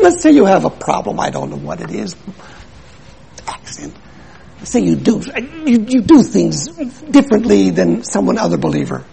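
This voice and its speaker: Preaching with earnest emphasis, an older Milwaukee man tells stories and drives his points home through repetition. He's high-pitched with vocal fry, a little mellow and slightly rough. The audio quality is poor.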